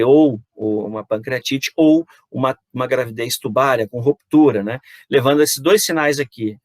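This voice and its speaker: A middle-aged Brazilian man lecturing on anatomy in a dry, close-miked recording. His pitch sits in a plain middle range. He explains step by step, constantly checking in with his students and posing questions that he answers himself. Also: dry recording. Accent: Brazilian Portuguese. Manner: explanatory, frequent "né?" and "então", rhetorical questions to students. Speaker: anatomy professor.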